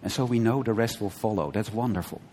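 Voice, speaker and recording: A man teaching a conversational sermon, often checking with his listeners with a quick "right?" and restarting his sentences. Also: lowish voice, animated, warm tone, slight background noise. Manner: conversational, frequent "right?" checks and brief laughs, self-correcting restarts. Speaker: preacher. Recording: long hall reverb.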